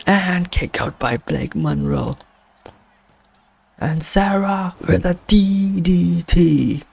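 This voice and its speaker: A man doing play-by-play commentary on a wrestling video game, excitable and exclaiming at surprises, his voice strained and going hoarse. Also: high-pitched, very slow. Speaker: gaming channel host doing commentary.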